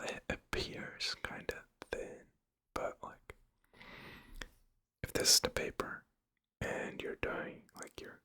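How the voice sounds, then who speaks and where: A person whispering close to the ear in a hesitant, rambling ASMR style. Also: pushed and bright. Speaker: ASMR creator. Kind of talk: whispered ASMR ramble about drawing tools. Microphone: close ear-to-ear microphone.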